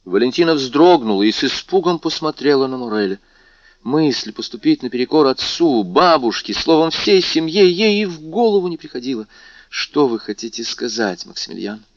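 A man narrating a novel aloud in a measured, dramatic reading. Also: on the high side, expressive, muffled recording. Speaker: audiobook narrator. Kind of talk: scripted narration.

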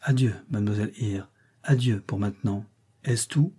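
A man reading a brusque teasing gentleman. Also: fairly low pitch, moderate pace, husky. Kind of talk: audiobook reading.

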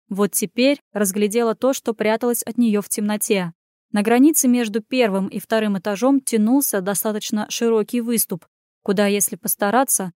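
A woman narrating a fantasy audiobook with brisk, lively storytelling. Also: medium pitch, dry recording, clean studio sound.

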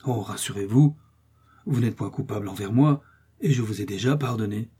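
Man doing a gallant young swordsman, teasing and sure of himself, husky low tone, audiobook. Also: moderate pace, dark tone. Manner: gallant, mocking confidence.

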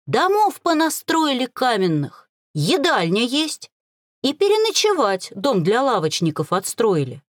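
A woman's voice: on the high side, wildly swooping pitch, a little slow, no room sound, clean studio sound, voice pushed up. A woman voicing an eager, talkative teenage boy in an audiobook.

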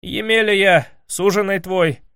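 A man's voice: high-pitched, steady tone, a little slow, a bit bright, smooth, no room sound, clean studio sound, pitched above the performer's own voice. A man voicing a bumbling, boastful young male suitor who talks in a folksy old-fashioned way. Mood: eager.

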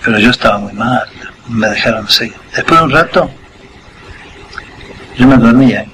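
Older man slowly telling a personal story. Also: mid-range voice, background noise. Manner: unhurried storyteller, acts out the scene with short asides. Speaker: interview guest. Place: school radio studio.

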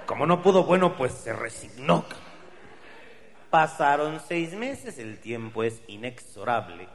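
A man's voice: mid-range voice, very animated, unhurried, big-room sound, a crowd in the background. A man with a Mexican accent telling a stand-up story in a profane, wry way. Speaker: comedian.

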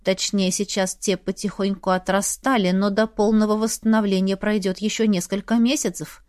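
A woman narrating a first-person audiobook in a steady storytelling manner. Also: mid-range voice, normal speed, dry recording, clean studio sound.

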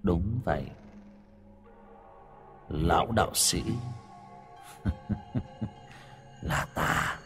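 A man voicing a possessed drowned boy, low and cold. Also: lively intonation, takes it slowly, vocal fry, pauses often, long reverb tail, faint music behind, heavily acted. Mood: menacing. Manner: menacing, cold, mocking. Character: drowned village boy possessed by a sinister spirit.

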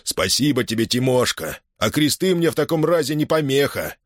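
A man doing a gruff, strong village man. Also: mid-range voice, sing-song, moderate pace, no room sound, studio quality, voice pushed up. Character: strong proud old-school village man.

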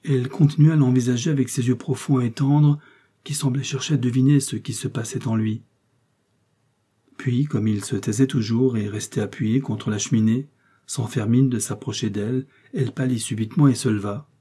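Man, audiobook narration, measured, husky, dark mellow tone. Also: mid-range voice, steady tone. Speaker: audiobook reader. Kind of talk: scripted narration.

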